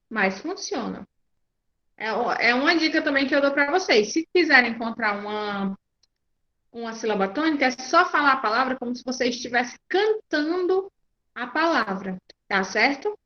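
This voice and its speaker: High, bright-voiced woman teacher on a muffled call. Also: expressive, moderate pace. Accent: Brazilian Portuguese. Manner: patient, checks in with "tá certo?" often. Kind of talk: online class lesson. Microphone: video call. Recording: muffled lo-fi video call audio.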